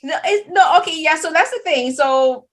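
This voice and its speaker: A woman from Barbados with a Barbadian accent, hosting a casual interview and telling stories in an animated, chatty way. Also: sits high, moderate pace. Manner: animated, chatty storytelling with many "like"s. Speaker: podcast host.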